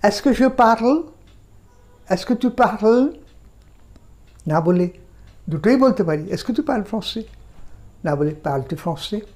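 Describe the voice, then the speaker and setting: Woman, language teacher, deliberate drilling, mellow dark tone, unhurried delivery. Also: mid-range voice. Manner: slow, deliberate drilling of phrases. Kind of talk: explaining a French grammar lesson.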